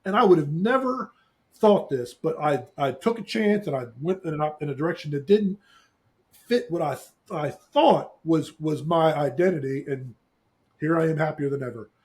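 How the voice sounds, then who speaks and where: A man's voice: a little high, expressive, moderate pace, darkish tone. Earnest middle-aged man giving advice. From Eastern Shore, US. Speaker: podcast co-host. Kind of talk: casual chat.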